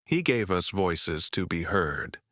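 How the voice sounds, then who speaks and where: A man voicing a gentle, folksy neighbor in his seventies. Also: low voice, sing-song, slow pace, no echo, clean studio sound, full character voice. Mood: gentle, fond. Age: 70s. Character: older male Vermont neighbor, gentle storyteller.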